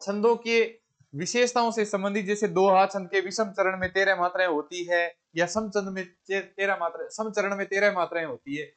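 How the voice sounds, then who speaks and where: Male tutor, high voice, exam-prep lesson, repeats each question before answering. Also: steady tone, moderate pace, a bit bright, smooth. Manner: corrects himself mid-sentence. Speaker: teacher.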